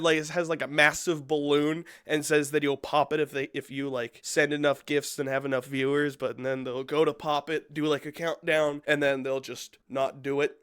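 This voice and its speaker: Profane young man ranting, smooth voice. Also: on the high side, fairly bright tone, dry recording, clean studio sound. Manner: profane, sarcastic, rambling. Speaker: YouTube commentary host. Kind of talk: casual rant commentary.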